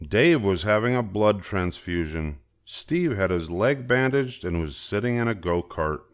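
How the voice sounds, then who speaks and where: An older man with a fairly low voice reads a children's storybook aloud, telling the tale in an expressive, deliberate way.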